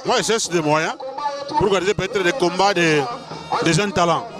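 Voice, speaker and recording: A man's voice: high-pitched, moderate pace. A man with a Congolese French accent doing casual live wrestling commentary with a partner, emphatic and often repeating his words. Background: loud music.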